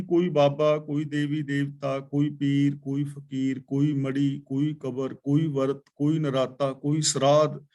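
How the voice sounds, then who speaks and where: Guy teaching scripture, chants the lines slow then breaks down each word, kinda high voice. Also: a little mellow. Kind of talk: scripture exposition class.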